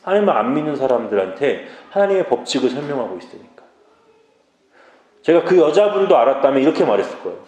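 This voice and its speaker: A man's voice: mid-range voice, big pitch swings, fast talker, darkish tone, dull audio. A man in his mid-thirties, a pastor preaching a sermon and asking the congregation questions. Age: mid-30s. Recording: echoey church hall.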